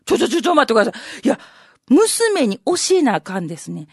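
A woman's voice: on the high side, sing-song, fast talker, vocal fry, darkish tone, breathy edge, no echo, studio quality, heavily acted. A woman with a Kansai accent voicing a naive, uneducated man in rakugo, eagerly pestering with questions. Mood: incredulous. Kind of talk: rakugo storytelling.

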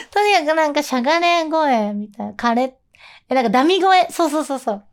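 Woman host, voice actress; high voice, casual, giggly chat. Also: lively intonation, a little slow. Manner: chatty and giggly, sliding between polite and casual talk. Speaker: voice actress hosting a show.

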